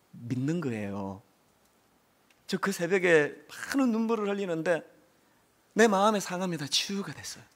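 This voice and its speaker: High-pitched, lively Korean pastor preaching. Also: male voice. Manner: emotional preaching, swings from loud pleading to soft and slow. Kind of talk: sermon. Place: church sanctuary.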